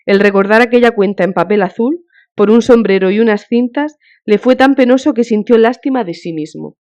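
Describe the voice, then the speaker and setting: A woman narrating an audiobook of a classic novel in a measured, even storytelling manner. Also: fairly high pitch. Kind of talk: scripted narration. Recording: dull lo-fi audiobook recording.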